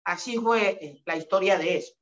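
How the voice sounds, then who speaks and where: A woman's voice: fairly low pitch, moderate pace, lo-fi sound. Woman telling stories. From Palenque, Colombia. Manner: warm affectionate storytelling, says "mijo" and "mi amor". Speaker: dance group director and singer. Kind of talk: casual interview talk with sung excerpts.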